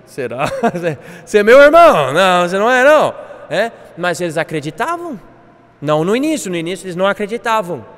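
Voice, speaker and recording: A man teaching a Bible class, animated, acting out quoted speech. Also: high-pitched, brisk, long reverb tail. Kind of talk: classroom lecture.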